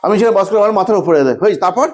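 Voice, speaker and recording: A man teaching an online grammar class, with a voice pitched well above most men's. He keeps checking on his students with quick questions and drags out example phrases slowly while he writes them up. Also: animated. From West Bengal, India. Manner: coaxing, quizzes students with rhetorical questions; repeats phrases slowly while writing on a board.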